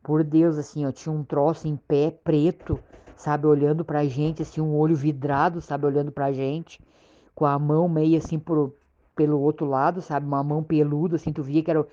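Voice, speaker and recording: Telling a scary story from her own life, this Rio Grande do Sul woman speaks in a deep, dark, flat voice with a Southern Brazilian accent. She stumbles and repeats herself in a casual way, keeps asking "sabe?", and the lo-fi recording sounds dull.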